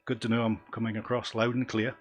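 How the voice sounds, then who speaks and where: A man's voice: medium pitch, level tone, fast, slightly rough. A man with a Northumbrian accent hosting a casual live stream, talking in a rambling, self-deprecating and easily sidetracked way. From Northumberland, England. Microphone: desktop microphone.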